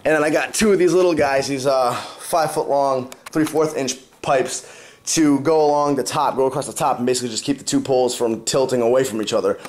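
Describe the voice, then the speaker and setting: With a brisk, darkish, medium-pitched voice and fairly even intonation, a young man vlogs casually about fitness, breaking things down step by step. A cold has him stuffy and partly hoarse, and there's slight background noise.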